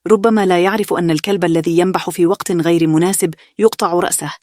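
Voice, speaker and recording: A woman's voice: on the low side, steady tone, fast, darkish tone, dry recording, clean studio sound, natural voice. A woman reading the part of a mocking older brother, a young man, in a bedtime story. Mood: scornful. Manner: sneering, scornful.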